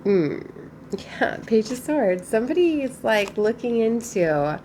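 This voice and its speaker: A woman giving a casual, chatty spiritual tarot reading, musing aloud with thoughtful pauses. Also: a little high, very animated, a little mellow, slight background noise. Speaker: tarot reader.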